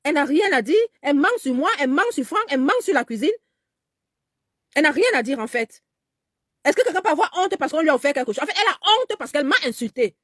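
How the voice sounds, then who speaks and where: A woman's voice: high voice, lively intonation, fast, a bit bright, no echo, studio quality. A woman talking angrily straight to her audience, insistent and given to repeating herself, at times mimicking another woman's pleading voice. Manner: indignant, insistent, repeats phrases. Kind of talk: angry personal video monologue.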